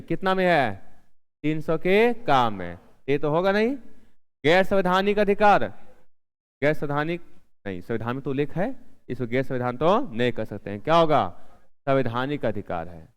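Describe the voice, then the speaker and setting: A man's voice: a little high, clear, resonant tone, in a large hall. A male teacher leading an exam-prep lesson, asking questions and answering them himself, repeating the key answers.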